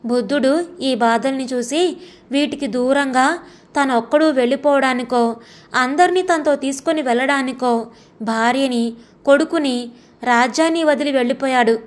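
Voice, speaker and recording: A woman narrating a scripted audio story in a calm, reflective reading voice. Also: sits high, normal speed, long pauses.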